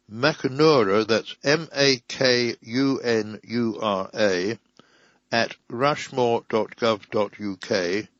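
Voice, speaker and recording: A man giving a careful, scripted reading of a local council magazine, slowly spelling out addresses. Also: mid-range voice, no echo. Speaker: audio magazine reader. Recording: dry, dull lo-fi recording.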